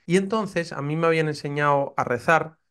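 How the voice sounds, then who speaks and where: As a guest on a podcast, a thirty-something Spanish priest with a Castilian accent relates his journey of faith, fervently and earnestly performing his old doubts. His voice sits on the high side and is brisk, a bit bright, and clean.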